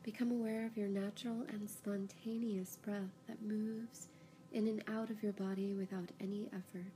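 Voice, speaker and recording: Guiding a yoga nidra practice, a woman speaks with a relaxed, gently soft voice. Her tone is calm and soothing, with leisurely pauses between each instruction. Behind her there's a faint rumble.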